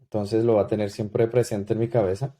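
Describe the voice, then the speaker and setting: A man in his thirties with a Colombian accent, a podcast guest who tells his story slowly, with many fillers and restarts. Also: fairly low pitch, little pitch movement, dark tone. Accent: Colombian Spanish. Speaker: guest consultant. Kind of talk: podcast interview.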